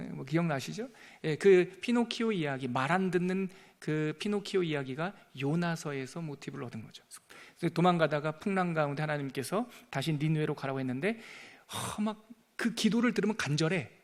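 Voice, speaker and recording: Lively, playful man preaching a Bible lesson. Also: a little high. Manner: lively, playful, acts out dialogue. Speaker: pastor. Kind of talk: Bible teaching sermon.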